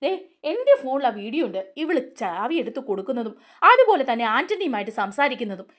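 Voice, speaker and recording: A brash, accusing young man, as a woman storyteller puts him on. The voice sits high and swings widely, insistent and confrontational throughout the retold scene. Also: big pitch swings, quick pace, a bit bright, full character voice.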